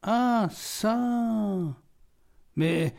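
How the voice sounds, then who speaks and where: A man's voice: fairly high pitch, unhurried, warm tone, natural voice. A man reading an audiobook, voicing a blunt, exclamatory police inspector. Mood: amazed. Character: gruff, amused male police inspector.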